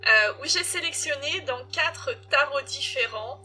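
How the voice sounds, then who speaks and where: Slow, bright-voiced woman reading tarot. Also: sits high, animated, soft background music. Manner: unhurried, hesitant with frequent fillers. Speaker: tarot reader. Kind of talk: casual tarot reading video.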